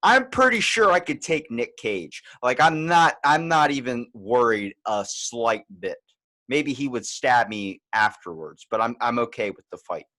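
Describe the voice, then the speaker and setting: A man's voice: mid-range voice, animated, a little slow, sharp tone. A man in his thirties hosting a podcast, blunt and profane, with a dry delivery that can sound sarcastic. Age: 30s. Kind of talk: casual podcast chat.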